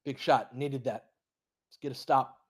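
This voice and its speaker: This fan livestream host narrates a basketball game casually and chats with listeners, speaking off the cuff in short, clipped bursts. His mid-range voice has a breathy edge, fairly even intonation and a measured pace.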